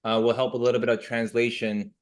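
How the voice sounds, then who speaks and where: A man's voice: medium pitch, level tone, brisk. A man hosting an online team call, giving a promotional, motivational introduction with repeated emphasis. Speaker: host introducing a guest leader.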